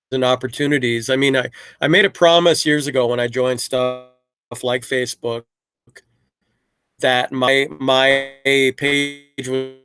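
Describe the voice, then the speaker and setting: A man being interviewed as a comic creator over a video call whose audio keeps breaking up, cutting in and out while he stops and restarts his words. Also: mid-range voice. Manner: halting, restarting words as the line drops. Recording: distant, choppy video call line.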